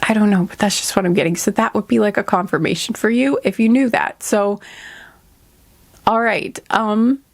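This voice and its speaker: A woman's voice: medium pitch, moderate pace, vocal fry. A woman with a stuffy, congested nose gives a casual spiritual reading, rambling off on tangents with many hesitations and self-corrections. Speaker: intuitive card reader.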